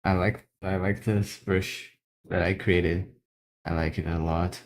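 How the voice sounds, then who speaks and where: While drawing, a Brazilian man, Brazilian Portuguese being his first language, talks in slow, casual, accented English. His very low, deep voice keeps a level tone, and he halts frequently, repeating words before moving on.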